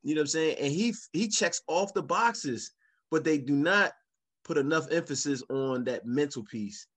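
A man's voice: a little high, expressive, normal speed, fairly bright tone. A man on a podcast panel talking sports casually, repeating phrases for emphasis.

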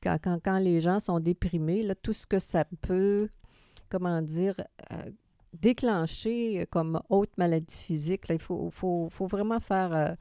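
Quebec french woman chatting on a podcast, mellow dry sound, kinda hunts for her words. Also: on the low side, measured pace, smooth, no echo. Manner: hesitant, repeats words while searching for phrasing. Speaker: podcast co-host, counselling professional. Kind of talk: conversational podcast discussion.

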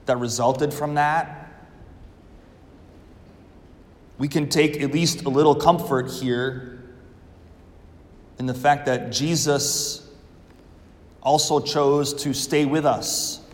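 A man speaking as a priest at church, solemn and measured with deliberate pauses, his voice in a long cathedral echo. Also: medium pitch. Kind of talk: Gospel reading and homily. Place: large church, indoors. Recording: echoey church with long reverb.

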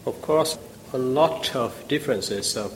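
Vietnamese-accented male guest, halting and filler-heavy, roomy reverb with low rumble. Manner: hesitant, many fillers and restarts. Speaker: guest, language teacher. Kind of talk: conversational podcast interview.

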